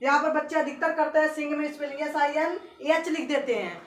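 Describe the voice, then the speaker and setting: A woman teacher giving a classroom lesson, spelling out letters slowly and often checking that her students follow. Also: sits high. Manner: repetitive, keeps checking students understand. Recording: echoey room from far off, faint hiss.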